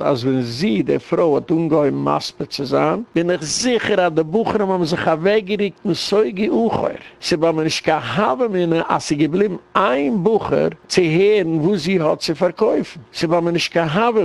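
A man speaking with a Yiddish accent, giving an impassioned, rambling lecture as a rabbi. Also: on the high side. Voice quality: gravelly. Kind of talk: spoken lecture.

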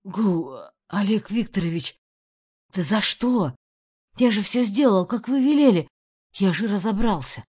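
A woman voicing a frightened, servile male henchman in an audiobook, his voice high and strained as he pleads. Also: animated, measured pace, darkish tone, husky, no echo. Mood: anxious, pleading. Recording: dull lo-fi recording.

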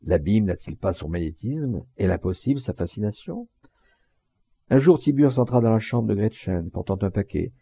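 Man, audiobook narrator, gravelly, very dark tone, measured expressive reading, muffled dry recording. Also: lowish voice, dry recording.

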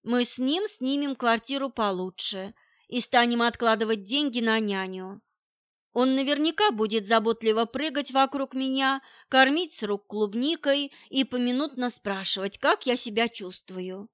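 A woman's voice: a little high, normal speed, a bit bright, no room sound. Woman narrating a first-person audiobook. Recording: dull lo-fi recording.

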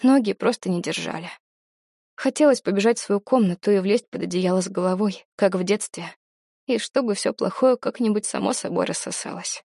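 A woman narrating a story in the first person with a lively, wry manner. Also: medium pitch, a little fast, creaky, slightly rough, no echo, clean studio sound. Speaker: audiobook narrator.

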